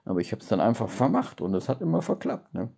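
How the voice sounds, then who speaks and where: A man's voice: mid-range voice, sing-song, quick pace, vocal fry, mellow, breathy edge. A middle-aged man chatting casually and spontaneously to his phone, rambling in colloquial phrases with frequent tag questions. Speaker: live streamer who speaks words backwards. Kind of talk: casual, spontaneous chat to camera. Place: small indoor room by a curtained window. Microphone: phone at arm's length.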